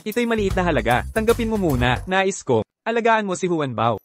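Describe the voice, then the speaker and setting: A man's voice: high voice, very animated, a little fast. A man playing a coaxing old grandfather. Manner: coaxing, talkative. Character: cheerful elderly grandfather, fussy and coaxing. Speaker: voice actor in Filipino dub. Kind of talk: dubbed drama acting. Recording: dub with music underneath.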